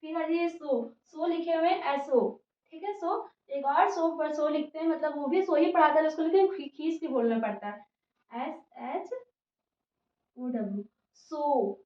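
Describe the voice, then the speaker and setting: A woman's voice: sits high, normal speed, a little mellow. A woman teacher giving an English pronunciation lesson in Hindi, spelling words out letter by letter and checking in with "theek hai" after each step. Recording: muffled, echoey room, voice from a distance.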